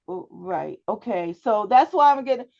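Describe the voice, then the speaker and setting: A woman public speaking instructor coaches a student one-on-one over a video call, often checking understanding with "right?". Her medium-pitched voice is animated, gravelly and mellow, at a normal speed, with lo-fi sound.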